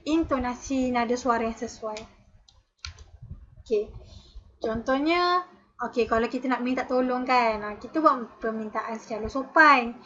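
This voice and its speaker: A woman's voice: fairly high pitch, a bit bright, highs cut off. A woman teacher with a Malaysian Malay accent, patiently explaining a lesson and dropping in frequent "okay" and "ha" fillers. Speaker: special education teacher. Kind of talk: recorded classroom lesson.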